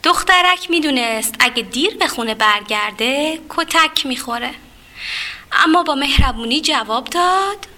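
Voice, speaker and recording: A woman storyteller reading a fairy tale to children, expressive and talking to them directly. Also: high voice.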